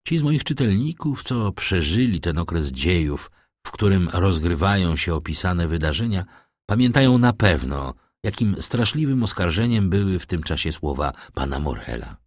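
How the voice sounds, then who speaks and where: A man narrating a classic novel as an audiobook, measured and expressive. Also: sits low, no echo, clean studio sound.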